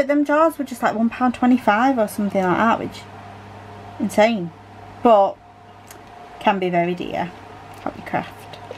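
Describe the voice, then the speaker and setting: A woman's voice: mid-range voice, darkish tone, a little hiss or hum, poor audio. A British woman chatting casually about her diamond painting hobby as she works, rambling freely and correcting herself mid-thought with little asides. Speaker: crafting vlogger.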